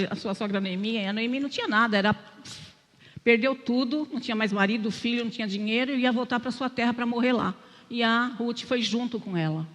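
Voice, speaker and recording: In a church sanctuary with the sound of a large hall, an older lay speaker with a Brazilian Portuguese accent delivers a chatty sermon in a voice that's on the high side and a bit bright. She weaves personal testimony and self-deprecating humor into her message, frequently checking in with her listeners.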